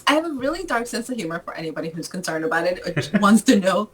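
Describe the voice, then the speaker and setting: A woman in her forties from the Dominican Republic, a lively author guest chatting on a video call and often laughing as she tells stories. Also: mid-range voice, fast, breathy edge, rough recording. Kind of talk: casual interview chat.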